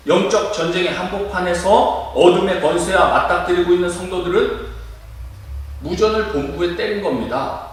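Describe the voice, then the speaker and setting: A male pastor preaching a sermon in a church, lively and demonstrative, acting out loud cries to make his point. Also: high-pitched, moderate pace. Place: church sanctuary. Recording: echoey room, mic at a distance.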